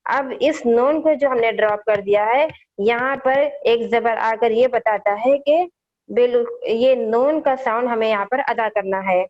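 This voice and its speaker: A woman's voice: on the high side, darkish tone. A woman teaching young children how to read the Quran, patiently repeating each point and quizzing them, heard over a dull, lo-fi online call.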